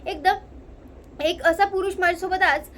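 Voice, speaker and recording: A woman's voice: very high voice, steady tone, a little slow, fairly bright tone, slight background noise. A woman retelling a story, quoting a tearful older woman who pleads and wails. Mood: pleading. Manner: retold quote in narrator's own voice.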